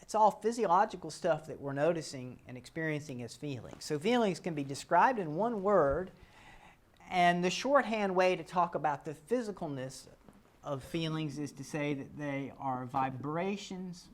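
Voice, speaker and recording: A man gives a calm, explanatory talk on a self-help model. He works through his ideas step by step and often restarts a sentence mid-thought. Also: on the high side, normal speed. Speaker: teacher.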